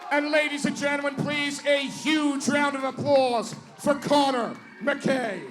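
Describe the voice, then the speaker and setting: A man's voice: extremely high pitch, fairly even intonation, a little slow, fairly bright tone, faint music behind. A man announcing like a boxing ring announcer at a live fight, projecting showily and stretching out names. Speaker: ring announcer and post-fight interviewer at an MMA show. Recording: noisy live event venue sound.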